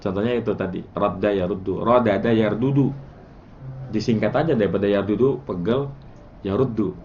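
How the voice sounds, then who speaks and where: A man teaching a casual class, quizzing his students and chanting word patterns in a relaxed, chatty way. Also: fairly low pitch, normal speed, highs cut off, a little hiss or hum. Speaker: Arabic morphology teacher.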